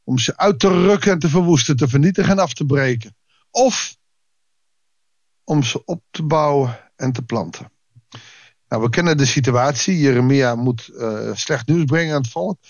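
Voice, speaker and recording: A male pastor giving a daily Bible devotional, lively, acting out people's excuses in quoted voices. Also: mid-range voice, normal speed, no room sound.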